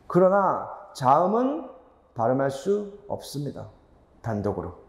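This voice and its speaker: A male grammar teacher lectures in a roomy hall with long reverb. His voice sits a little high yet mellow, and his pitch swings widely as he fires rhetorical questions at his students and drives points home by repeating them.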